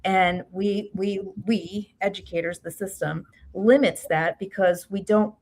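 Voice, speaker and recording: A woman with a New York accent, a guest expert in an interview, talking in halting starts and restarts with frequent tag questions. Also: mid-range voice, fairly even intonation, a little mellow. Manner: halting, many fillers and restarts, "right?" tags. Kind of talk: interview conversation.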